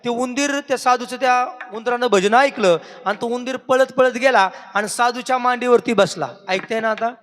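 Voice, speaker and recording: A man leading a devotional sermon, firing questions at the crowd. His voice is very high and bright. A long hall reverb follows him. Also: normal speed, few pauses, faint music behind. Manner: questioning the audience, singsong. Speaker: kirtan preacher. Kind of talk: devotional sermon with call-and-response.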